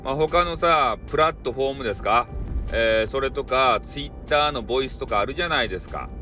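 A man's voice: mid-range voice, fairly quick, bright, forceful tone, soft background music. A man with a Kyushu Japanese accent rambling casually and jokily as a solo broadcaster, using lots of colloquial tags. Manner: colloquial and jokey, with repeated "ne" tags. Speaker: solo audio-app broadcaster.

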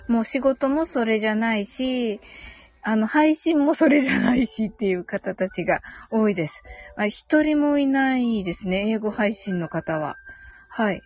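This woman's voice is on the high side and clean of echo as she hosts a live audio stream. She reads out comments and answers them in a relaxed, courteous way, punctuated by agreeing hums and giggles.

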